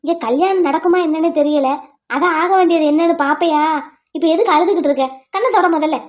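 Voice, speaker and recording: Woman doing a village sister-in-law for a cartoon, high voice, scolds and lectures nonstop. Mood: scolding. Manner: scolding, exasperated, rapid lecturing. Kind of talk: cartoon voice acting.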